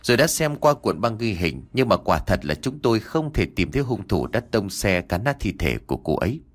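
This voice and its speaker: A man voicing a calm, grave male police officer delivering bad news. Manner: low and measured.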